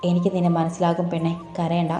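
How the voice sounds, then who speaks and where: A man's voice: on the high side, completely flat delivery, quick pace, pitched below the performer's own voice, lightly acted. A woman voicing a confident, teasing young man who protects his family. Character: young man, bold and protective older brother. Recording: echoey room, soft music behind.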